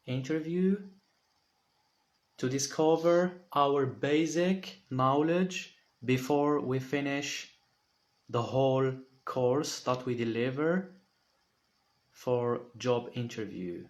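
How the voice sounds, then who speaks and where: A man hosting a live online mock job interview over a video call, speaking in a friendly, hesitant way with frequent fillers. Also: mid-range voice.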